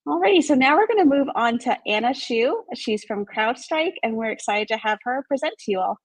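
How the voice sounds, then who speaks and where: A woman's voice: on the high side, animated, fairly quick, no room sound, low-quality recording. A woman hosting an event, speaking informally as she moderates between presenters. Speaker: event host.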